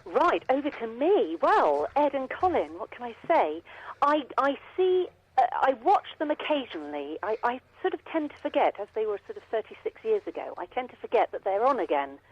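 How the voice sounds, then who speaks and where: A woman's voice: on the high side, big pitch swings, moderate pace, slightly rough, dull audio. A woman in her fifties with an English accent, answering interview questions in a chatty, self-deprecating way. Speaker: radio interview guest, former dancer.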